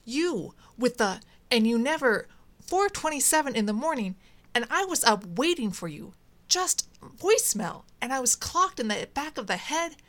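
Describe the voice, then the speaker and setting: A woman's voice: mid-range voice, a little slow, close to an everyday voice. A woman voicing an agitated, stern man who keeps demanding answers in a read-aloud story. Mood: upset, demanding. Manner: demanding, upset questioning.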